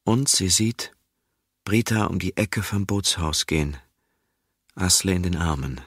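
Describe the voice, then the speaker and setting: Low husky male audiobook narrator. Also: a little slow, fairly bright tone, no echo, studio quality. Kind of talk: literary audiobook reading.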